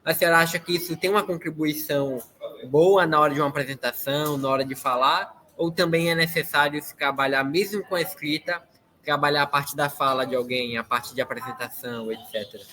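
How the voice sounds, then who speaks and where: A man's voice: a little high, a little fast, pushed and bright, slight background noise. A Brazilian man politely asking a question in an online workshop, with some hesitations and restarts. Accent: Brazilian Portuguese. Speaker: student participant. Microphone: video call.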